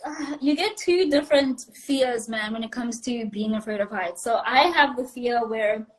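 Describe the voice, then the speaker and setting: A woman's voice: a little high, normal speed, low-quality recording. A young woman, a pilot, answering interview questions over a video call in a chatty, step-by-step way. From South Africa. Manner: chatty, apologetic, laughs easily, explains step by step.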